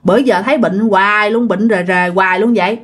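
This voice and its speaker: A woman with a Southern Vietnamese accent voicing a gruff older male landowner who scolds bluntly. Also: mid-range voice, fairly even intonation, fairly quick, close to an everyday voice. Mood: scolding.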